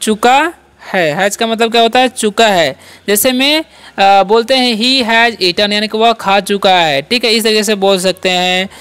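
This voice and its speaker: A man's voice: sits high, normal speed, fairly bright tone, smooth. A man teaching English pronunciation as a channel host, asking questions of his students and answering them himself. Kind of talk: classroom-style language lesson.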